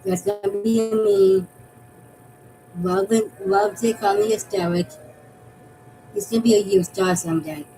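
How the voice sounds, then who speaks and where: A woman's voice: medium pitch, fairly even intonation, measured pace, long pauses, mellow, soft background music, rough recording. A woman from Massachusetts chatting casually about her fan theories, rambling and restarting her phrases as she goes. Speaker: fan vlogger.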